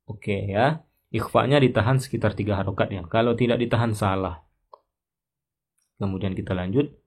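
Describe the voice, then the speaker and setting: A man's voice: fairly low pitch, moderate pace, breathy edge. A man with an Indonesian accent teaching Quran recitation rules, patiently repeating syllables and chanting verses. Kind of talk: slow tajwid lesson with chanted recitation.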